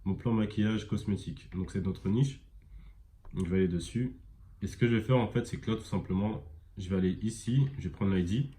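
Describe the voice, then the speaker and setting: Low, mellow-voiced man rambling through a tutorial. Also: a little fast. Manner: rambling, many fillers and self-corrections. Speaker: e-commerce tutorial presenter. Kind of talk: casual screen-recorded software tutorial.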